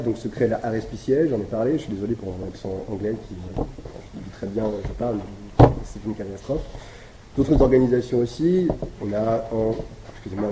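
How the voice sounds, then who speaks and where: A man giving an academic talk, explaining step by step and pausing often to find his words. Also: on the low side. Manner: explanatory, thinks aloud with frequent pauses. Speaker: lecturer presenting historical research. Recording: echoey room with background noise.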